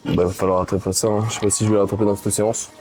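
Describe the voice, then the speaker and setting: A deep, low-pitched man with a Swiss French accent talks through his back workout in a gym, stopping often on fillers. He sounds tired and a little flat. Loud music plays behind him throughout. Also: very fast. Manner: hesitant, many fillers, explaining casually. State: low on energy, tired late at night. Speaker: gym vlogger. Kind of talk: casual workout vlog talk.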